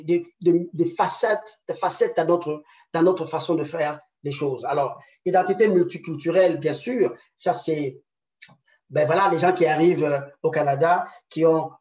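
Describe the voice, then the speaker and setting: A man's voice: a little high, normal speed, darkish tone, echoey room, far from the mic. A man giving a conference presentation, hesitating often with repeated words and fillers, and checking in with his audience through rhetorical questions. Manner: rhetorical "n'est-ce pas" tags. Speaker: conference speaker. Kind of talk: presentation lecture.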